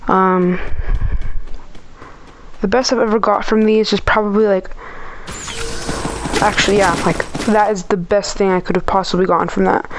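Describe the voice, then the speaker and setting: A woman's voice: mid-range voice, flat delivery, moderate pace, long pauses. Woman gamer with heavy breathing, noisy mic. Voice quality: audible heavy breathing between phrases. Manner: hesitant, rambling, trailing off mid-thought. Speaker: gamer, first-time video creator. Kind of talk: casual gameplay commentary.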